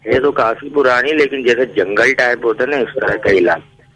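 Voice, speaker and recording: A man's voice: mid-range voice, moderate pace, a crowd in the background, rough recording. A man phoning in to a radio show over a bad connection that keeps cutting out, speaking politely and repeating himself. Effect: bad phone connection that keeps cutting out. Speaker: caller. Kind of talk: phone-in call to a radio show.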